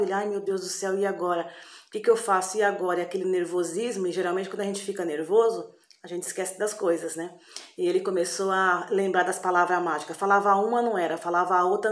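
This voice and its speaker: A woman telling a folk tale in a loose, chatty way, full of little tag questions. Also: lowish voice. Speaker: storyteller. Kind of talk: casual spoken storytelling. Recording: echoey room.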